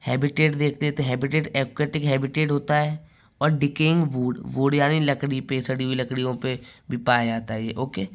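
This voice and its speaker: A man giving a biology lecture, asking rhetorical questions and repeating key terms slowly. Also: mid-range voice, little pitch movement. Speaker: biology teacher. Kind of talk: classroom lecture.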